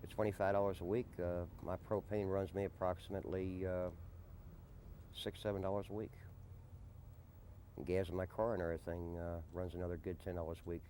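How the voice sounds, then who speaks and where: On noisy early-90s amateur documentary tape, a man interviewed about his life as a desert camp resident and odd-job handyman speaks deliberately, often repeating a question before answering. His voice is low, mellow and flat.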